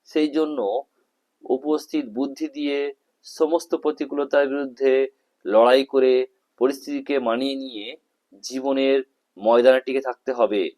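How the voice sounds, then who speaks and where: Man tutor reading answers in halting phrases. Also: medium pitch, steady tone, a little mellow. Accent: West Bengal Bengali. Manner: slow, halting, breaks sentences into short phrases; lists words one by one with stress. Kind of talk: reading exam answers aloud.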